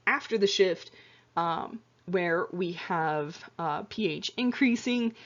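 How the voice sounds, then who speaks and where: The recording is muffled as a female anatomy and physiology instructor goes over her slides in a loose, chatty way, stumbling through fillers and self-corrections. Her voice sits at a medium pitch and is turning tired and hoarse.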